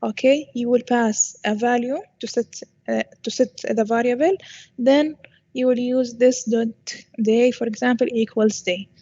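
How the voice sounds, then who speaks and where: A woman's voice: fairly high pitch, fairly even intonation, a little slow, mellow, lo-fi sound. A woman with an Arabic accent, a native Arabic speaker, explaining as a teacher to a class, switching between English and Arabic and often checking understanding. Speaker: university programming lecturer.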